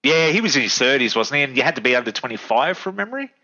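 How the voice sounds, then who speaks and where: A young man talks very fast and very animatedly on a casual podcast, his mid-range voice sharp in tone as he chats agreeably and laughs often. The lo-fi mic makes him sound dull.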